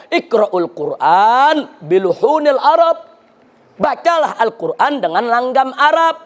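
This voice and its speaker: A man preaching a sermon in an emphatic, rhetorical manner, often turning to address his listeners directly. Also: very high-pitched.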